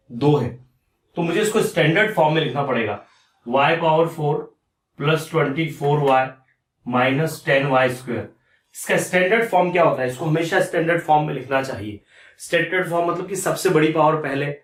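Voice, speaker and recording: A man's voice: fairly high pitch, roomy sound, recorded from a distance. A man teaching a maths lesson step by step, repeating each step and asking and answering his own questions. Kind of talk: explaining step by step on a board.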